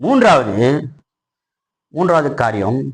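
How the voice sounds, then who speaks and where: A man preaching a passionate sermon, putting questions to his congregation and building to loud, high-pitched peaks. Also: sing-song, slow, rough recording. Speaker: pastor.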